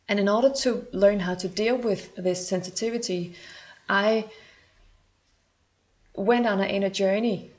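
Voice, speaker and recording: A Danish woman, speaking English as a second language with a Danish accent, talks earnestly to the camera as a spiritual coach. Her voice is medium-pitched and a little mellow, and she sometimes searches for words.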